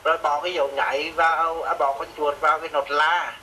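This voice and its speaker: A man teaching music software to a student, with a fairly high, bright voice. He gives patient, repetitive step-by-step instructions. Faint noise sits behind him. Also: little pitch movement, fast, poor audio. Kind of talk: remote software lesson.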